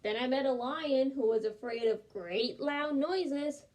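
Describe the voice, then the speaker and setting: A woman reading aloud, voicing a shy young boy turtle who is afraid of the dark, with a polite, pleading manner. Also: high-pitched, a little slow. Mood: wondering.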